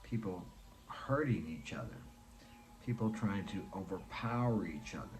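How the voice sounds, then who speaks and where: With a low, animated voice at a moderate pace, a man in his sixties gives a motivational monologue. This speaker is earnest and preachy, hammering points through repetition, and the recording is rough.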